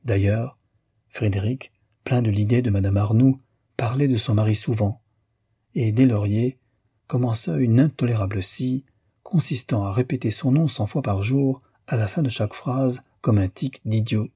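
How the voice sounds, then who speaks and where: A man reading a classic novel aloud in a measured, even storytelling manner. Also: medium pitch, husky, no room sound, clean studio sound. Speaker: audiobook narrator. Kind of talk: scripted literary narration.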